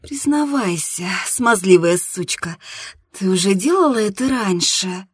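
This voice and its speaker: A sultry, self-assured woman, breathless and teasing, her voice lifting higher and brighter than the narrator's own, as a female reader puts her on. The tone is slightly husky and the recording is dry and close. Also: expressive, unhurried, no echo, faint music behind. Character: sensual, playful, confident adult woman.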